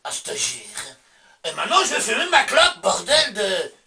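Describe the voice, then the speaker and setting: A man's voice: extremely high pitch, wildly swooping pitch, fairly quick, creaky, sharp tone, far from the mic. A man with a Belgian French accent doing a sarcastic, swearing monologue vlog, answering himself in asides. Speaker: vlogger. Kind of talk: casual ranting monologue.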